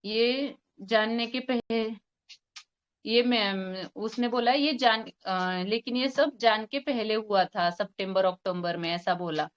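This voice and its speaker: A woman's voice: on the high side, slow, smooth, highs cut off. A homeopathic doctor, a woman, presenting a patient case to a forum, retelling the consultation and quoting both sides with hesitant fillers.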